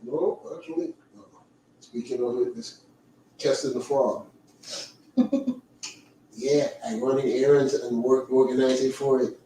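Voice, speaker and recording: A Caribbean man hosting a livestream ribs his company in loose, teasing asides, talking a lot and drifting between topics in casual chat. His voice is medium-pitched and mellow. Because he sits back from the microphone, he sounds distant, and the room adds heavy echo plus a little hiss or hum.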